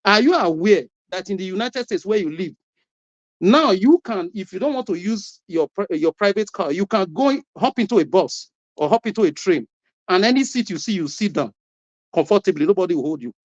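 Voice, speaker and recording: This brisk, animated man has a high voice and a Nigerian accent. He phones into a broadcast to make a heated debate contribution, hammering his points with rhetorical questions and repeated words, all over lo-fi online call audio.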